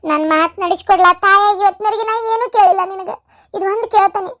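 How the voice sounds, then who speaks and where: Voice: very high voice, quick pace, bright, forceful tone. A performer voicing a worried village mother with a North Karnataka accent, pleading with her only son in a cartoon. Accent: North Karnataka Kannada. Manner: pleading, insistent. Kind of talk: cartoon voice acting.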